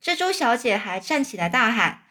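A woman reading a children's book aloud, pausing to explain words for young listeners. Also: a little high, sing-song, bright, forceful tone. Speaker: storyteller.

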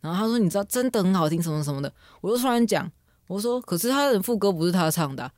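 A woman's voice: lowish voice, lively intonation, very fast, a little mellow, no room sound. A woman, a podcast host chatting frankly and casually with friends in a studio. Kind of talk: casual chat. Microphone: studio mic.

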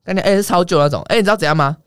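A man's voice: high voice, clear, resonant tone, dry recording, studio quality. A young man, telling a story in a casual chat, swearing freely as he talks. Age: young adult. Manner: rapid, swearing, animated anecdote telling. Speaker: guest.

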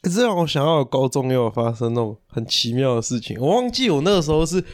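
A man's voice: medium pitch, sing-song, quick pace. A young man with a Taiwanese Mandarin accent co-hosting a casual podcast, easygoing and agreeable, swearing casually. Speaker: podcast co-host. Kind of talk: casual chat.

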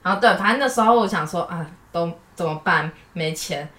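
A woman's voice: on the low side, fairly quick, pushed and bright, roomy sound. A woman from Taiwan with a Taiwanese Mandarin accent, telling her own stories animatedly as a podcast co-host, laughing often at herself. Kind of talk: casual chat, storytelling.

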